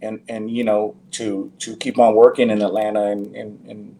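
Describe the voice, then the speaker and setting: Laid-back man, dark voice. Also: fairly low pitch, normal speed, a little hiss or hum. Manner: many fillers and restarts, relaxed. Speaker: actor guest. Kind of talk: casual interview.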